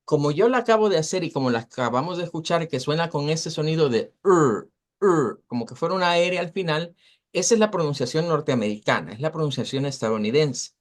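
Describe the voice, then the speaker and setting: In an online class, a man uses Spanish to teach English pronunciation, explaining patiently, repeating words slowly and filling his speech with fillers. His voice is fairly high and expressive.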